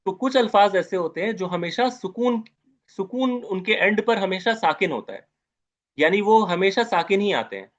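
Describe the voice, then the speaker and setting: A man's voice: high-pitched, lively intonation, moderate pace, dull audio. A man teaching an Arabic grammar lecture, repeating terms and asking his students questions as he goes.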